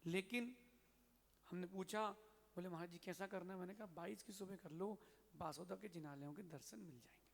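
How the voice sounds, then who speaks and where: A high-voiced man preaches a sermon as a Jain monk. He tells a folk tale with lively, acted-out dialogue. His voice rings with long reverb in a temple hall. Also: normal speed, gravelly, slight background noise. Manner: lively storyteller acting out dialogue. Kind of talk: sermon with storytelling.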